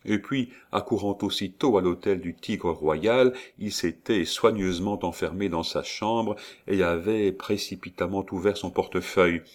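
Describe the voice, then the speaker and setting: A man narrating a novel aloud in a measured, steady way. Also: low-pitched. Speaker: audiobook reader.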